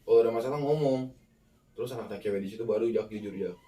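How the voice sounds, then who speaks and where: A man telling a ghost story in a casual, animated way, acting out the people in it. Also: very fast. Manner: animated, acts out the quoted people with sharp jumps in pitch. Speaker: guest storyteller. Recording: roomy, mic far off.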